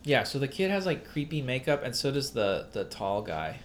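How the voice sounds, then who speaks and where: A man's voice: mid-range voice, big pitch swings, moderate pace, a little hiss or hum. A man co-hosting a casual podcast about a film, rambling with many fillers and restarts. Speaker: podcast co-host.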